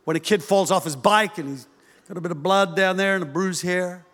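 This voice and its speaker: A male pastor preaching a sermon, animated and humorous, acting out voices as he tells it. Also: sits high, brisk. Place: church hall. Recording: church hall reverb.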